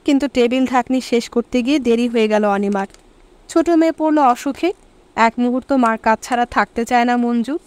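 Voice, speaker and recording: An audiobook narrator with a high voice reads a story at normal speed. It is scripted narration in expressive storytelling style, recorded dry.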